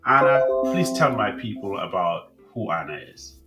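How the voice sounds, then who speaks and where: A man hosting a casual interview podcast, friendly and halting, with many restarts and fillers. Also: lowish voice, expressive, over loud music. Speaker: podcast host.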